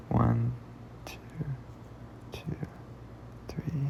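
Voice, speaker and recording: A man's voice: fairly low pitch, sing-song, takes it slowly, creaky, background noise. A man hosting a puzzle channel, giving casual commentary as he solves puzzles, thinking aloud and often muttering under his breath. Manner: thinks aloud, mutters and half-whispers while working things out.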